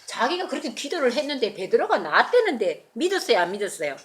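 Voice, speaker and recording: A woman's voice: a little high, fast. A woman telling a Bible story in a children's sermon and asking the children questions. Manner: animated, asks the children questions.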